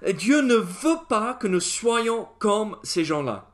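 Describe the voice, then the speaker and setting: A man's voice: high voice, slow pace. A man with an American accent, a native English speaker teaching a Bible study in French with many hesitations and acted-out asides. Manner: animated, acts out critics' voices, many fillers. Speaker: pastor. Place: church.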